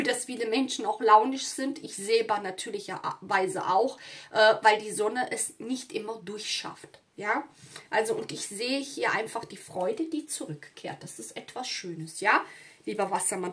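Here the tarot reader, a woman from southern Europe, talks informally to viewers at a normal speed, her fairly high voice carrying a slightly bright quality. Small check-in words pop up regularly throughout her reading.

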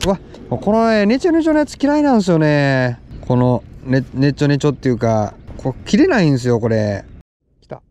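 Lively Kansai man fishing outdoors. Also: fairly high pitch, a little hiss or hum. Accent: Kansai Japanese. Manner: excitable, chatty, quick exclamations. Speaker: fishing vlogger. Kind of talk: casual commentary while fishing.

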